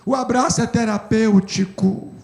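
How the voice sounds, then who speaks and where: Brazilian pastor, emphatic sermon, high gravelly voice, echoey church. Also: male voice, steady tone, moderate pace, darkish tone. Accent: Brazilian Portuguese. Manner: emotional storytelling, emphatic.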